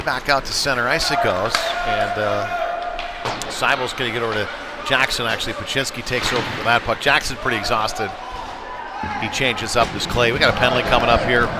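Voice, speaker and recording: Speaking fairly quickly with a medium pitch and steady tone, a play-by-play commentator covers a youth ice hockey game live. He keeps it conversational, dropping filler words and offhand asides, and the broadcast from the indoor rink is noisy.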